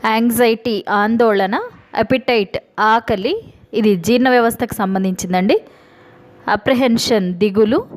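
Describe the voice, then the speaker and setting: A woman with a Telugu accent teaching a spoken English class. She explains in a quick, chatty way, then reads out a vocabulary list at a steady pace. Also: on the high side, poor audio. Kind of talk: vocabulary lesson, reading word lists.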